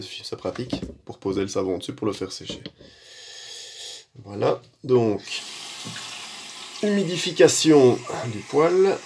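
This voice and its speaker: Homme à la voix grave et rocailleuse. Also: male voice, sits low, vocal fry, noisy background. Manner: rambling, many fillers, self-deprecating asides. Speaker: shaving vlogger. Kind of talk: casual how-to commentary.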